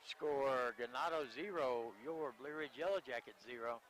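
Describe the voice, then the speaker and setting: A man calling a high school football game on the radio from outdoors, mixing play-by-play with joking, self-deprecating banter. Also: normal speed, fairly bright tone, a little hiss or hum, low-quality recording. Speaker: play-by-play announcer.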